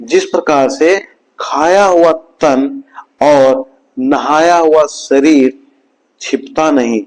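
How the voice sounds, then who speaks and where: A man giving a scripted motivational talk in a slow, measured way, with his voice dropping low at the end of each point. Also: darkish tone, rough recording. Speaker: motivational speaker.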